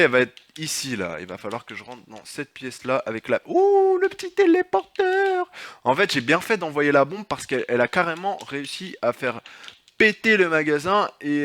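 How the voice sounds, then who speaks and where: A young man giving casual commentary over his own gameplay, talking straight to viewers, joking, and swearing and shouting at the enemies that attack him. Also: medium pitch, no room sound. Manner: jokey, talks straight to viewers. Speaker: gaming YouTuber.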